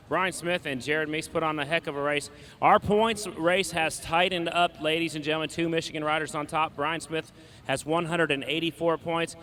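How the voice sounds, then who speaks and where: A man's voice: a little high, pushed and bright. A man working as a race announcer, reading out standings and notices to fans over the public address. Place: outdoor racetrack public address.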